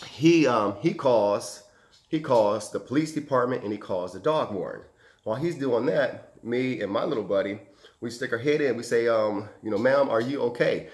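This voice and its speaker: A man tells a story from his time as a firefighter, jumping into other people's voices as he quotes them. His speaking voice sits at an ordinary middle pitch, and the whole account comes across as loose, casual anecdote telling. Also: normal speed. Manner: animated, acts out quoted voices and sound effects.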